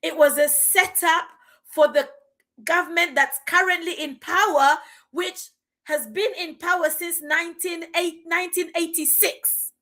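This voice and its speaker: Woman, 40s, high voice, podcast guest on an impassioned, indignant rant. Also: steady tone, unhurried, pushed and bright. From Uganda. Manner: passionate, indignant, emphatic.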